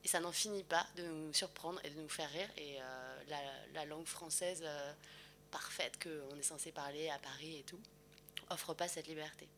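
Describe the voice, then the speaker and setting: A woman's voice: low-pitched, fairly even intonation, normal speed, a bit bright, slight background noise. A woman guest chatting casually, hesitant and amused. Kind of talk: casual chat.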